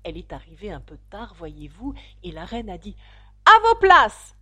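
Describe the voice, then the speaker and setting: Husky-voiced woman reading a storybook. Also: lowish voice, a little fast, muffled recording. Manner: expressive, dramatic reading. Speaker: audiobook narrator. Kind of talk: storybook narration.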